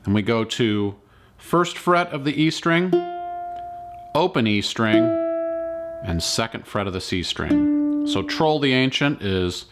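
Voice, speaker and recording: A man walks through a ukulele lesson at an unhurried pace, calmly naming frets and strings one at a time. His pitch sits at an ordinary middle, and his instrument plays loudly under and around his words. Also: over loud music. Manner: slow, patient instructions between sung demo lines. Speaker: ukulele teacher. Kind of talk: step-by-step music tutorial.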